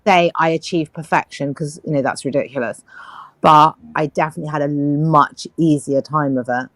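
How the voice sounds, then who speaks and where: A woman in her fifties hosting a casual talk show, a lively storyteller. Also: low-pitched, normal speed, no echo. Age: 50s. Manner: lively storyteller who acts out other people's voices. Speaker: host. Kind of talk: casual chat.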